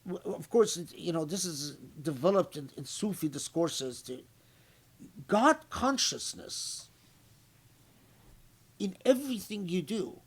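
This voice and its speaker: A man giving an unscripted religious lecture, reflective and halting, often restarting his sentences and reciting short Arabic phrases before explaining them in English. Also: high voice, animated, husky. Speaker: scholar giving Quran commentary.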